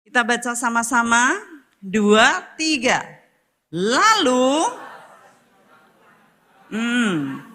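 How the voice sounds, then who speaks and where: A woman's voice: fairly high pitch, very animated, drawn-out words, pauses often, pushed and bright. A woman preacher, giving an emphatic sermon, repeating her phrases and speaking straight to her congregation.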